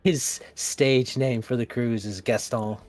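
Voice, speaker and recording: A man's voice: mid-range voice, steady tone, slow, darkish tone. A man co-hosting a livestream and brainstorming a tabletop adventure in casual chat, with a wry, joking manner. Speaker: game designer co-host.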